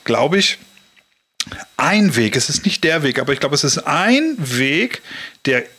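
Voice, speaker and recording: A man hosting a casual interview, speaking in a halting way that circles around his questions. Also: a little high, very animated, sharp tone, slightly rough. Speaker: interviewer, host. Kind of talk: casual chat.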